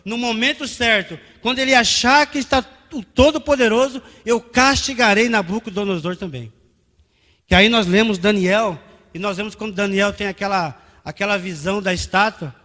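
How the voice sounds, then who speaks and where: A Brazilian pastor delivers a sermon in a notably high voice. His words ring with a long hall reverb. He builds to fervent, insistent emphasis. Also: bright, forceful tone. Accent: Brazilian Portuguese. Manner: preaching, rising to fervent emphasis. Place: church hall.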